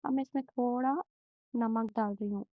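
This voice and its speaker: A young woman hosting a home cooking channel, walking through a recipe step by step in a slow, gentle way with many hesitations. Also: on the high side, steady tone, dry recording, phone-quality sound.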